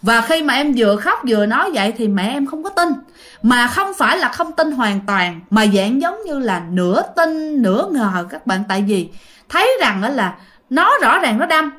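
Phụ nữ giọng Nam Bộ, kể chuyện ma kiểu tâm sự, hay gọi "các bạn". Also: female voice, a little high, fairly bright tone. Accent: Southern Vietnamese. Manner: chatty, addresses listeners directly. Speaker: storyteller. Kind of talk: casual spoken ghost story narration.

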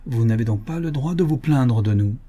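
A principled older country doctor stands his ground in firm, emphatic phrases, read by a man narrating a novel. The voice is husky and mellow-dark. He sounds indignant but controlled. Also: medium pitch, expressive, normal speed, natural voice.

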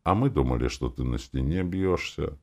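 A man's voice: rumbling low, expressive, normal speed, vocal fry, heavily acted. A man voicing Svig, a curious young boy asking eager questions in an audiobook. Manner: curious, wide-eyed questions.

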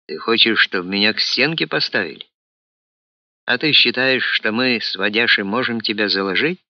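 Gruff blunt colonel, a guy reading him, one-armed, hot-tempered, rough talk, a bit muffled. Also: lowish voice, expressive, moderate pace, no room sound. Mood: indignant. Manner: blunt, rough-spoken, bursts out indignantly.

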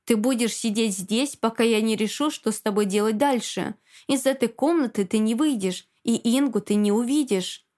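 A woman voicing a cold, rigidly restrained man in an audiobook, speaking in a clipped, icily calm way. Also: on the high side, brisk, few pauses. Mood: cold, commanding.

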